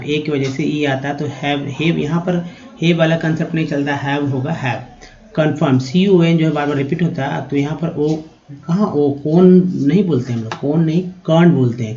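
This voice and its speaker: A man teaching English reading over slides, patiently sounding out each word slowly and addressing viewers as friends. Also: medium pitch, dark tone. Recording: dull, roomy lo-fi sound.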